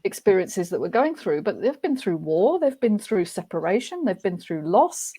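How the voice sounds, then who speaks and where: A woman talks as a guest in a relaxed interview, mid-pitched and unhurried. She pauses often and restarts her sentences as she gathers her thoughts. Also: husky. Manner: thoughtful, hesitant, many restarts. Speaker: guest author. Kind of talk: casual interview chat.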